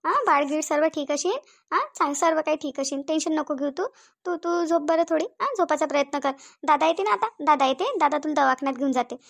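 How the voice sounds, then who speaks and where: A woman's voice: sits high, fast talker, vocal fry. A woman voicing a fussy middle-aged village mother with a Varhadi Marathi accent, who talks repetitively and keeps adding tag questions. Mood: soothing.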